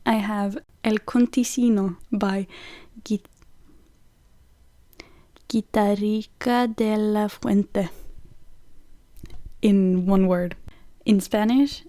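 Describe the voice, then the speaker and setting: A young Norwegian woman, a vlogger, chats casually in a Norwegian accent, listing songs and filling her speech with lots of "like." Her voice is mid-range with a dark tone, and the recording has no echo.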